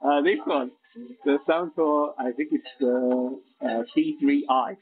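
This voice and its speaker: A man's voice: fairly high pitch, steady tone, slow, soft background music. A man speaks in a slightly raised register. He talks in a loose, chatty way, and he often thinks aloud. His voice comes through a bluetooth earbud mic, so it sounds thin and phone-like. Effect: heard through a bluetooth earbud mic on a call. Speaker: tech reviewer. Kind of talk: casual product review talk. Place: busy coffee shop, indoors.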